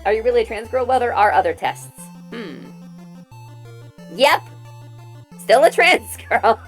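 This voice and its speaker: A woman streamer chatting casually with her viewers through a voice changer that shifts her pitch down, giggling and rambling as she answers them. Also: expressive, a little slow, breathy edge, faint music behind. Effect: voice changer, pitch shifted lower.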